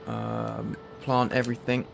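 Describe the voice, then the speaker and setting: A man's voice: mid-range voice, flat delivery, a little slow, vocal fry, music in the background. A man with a London accent, casually reading through a list of game mods with a friend. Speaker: streamer. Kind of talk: casual gaming chat.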